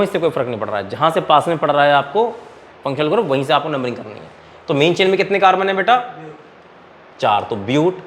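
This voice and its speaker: Man teaching chemistry with quick questions. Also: fairly high pitch, a bit bright, a little hiss or hum. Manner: quizzes students and answers his own questions; calls students "beta". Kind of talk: classroom lecture.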